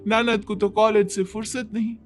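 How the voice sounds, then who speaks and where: A man's voice: sits high, level tone, moderate pace, soft background music, close to an everyday voice. A man voicing a young wife who complains dramatically and pities herself. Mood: complaining. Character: whiny self-pitying young wife.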